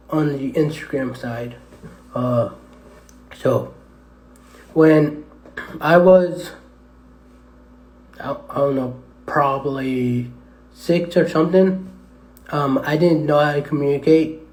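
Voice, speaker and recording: A man talks slowly and hesitantly, stumbling over fillers and restarts as he chats to viewers. His medium-pitched voice comes through a tablet mic and echoes heavily off the walls of a tunnel. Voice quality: hesitant, halting with many fillers. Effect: echoing tunnel reverb, voice bouncing around. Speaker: live streamer. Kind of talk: rambling live stream chat. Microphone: tablet microphone.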